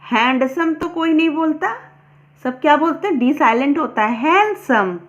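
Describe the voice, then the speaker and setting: A woman teacher slowly reading out a list of words one by one, with short asides to explain them. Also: high-pitched. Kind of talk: slow word-list lesson. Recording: dull lo-fi recording.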